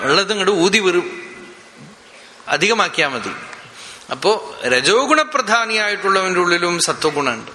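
A man, a spiritual teacher, giving a scripture discourse, explaining with rhetorical questions and slowly chanting verses. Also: high voice, pushed and bright. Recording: echoey hall, faint ambient noise.

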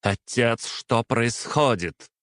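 A man's voice: expressive, a little slow, a bit bright, no echo, studio quality. A man voicing a fiery, defiant young princess who keeps raising her voice in scornful outbursts. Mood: furious. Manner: raised, shrill, scornful outbursts.

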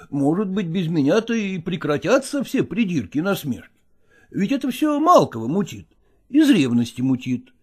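A man's voice: high voice, darkish tone, husky, exaggerated voice. A man voicing a weary middle-aged touring actor in an audiobook drama, coaxing and patronizing.

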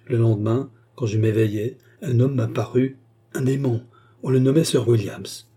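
Man voicing a woman courtesan, impassioned, pleading, husky, very dark voice, audiobook. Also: mid-range voice, steady tone, normal speed, close to an everyday voice. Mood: confessing. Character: passionate remorseful woman courtesan.

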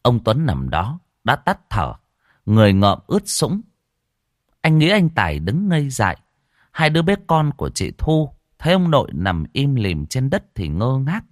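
A man's voice: mid-range voice, normal speed, no echo, studio quality. A man narrating a horror story as an audiobook reader. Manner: expressive storytelling.

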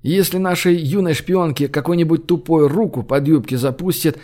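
A man's voice: a little high, moderate pace, mellow, pitched above the performer's own voice, natural voice. A male narrator voicing a worried, protective man who fusses anxiously over others.

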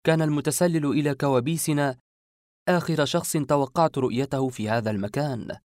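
A man narrating a dramatic first-person story in an expressive reading voice that builds with feeling. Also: fairly high pitch, fairly quick, dry recording, clean studio sound.

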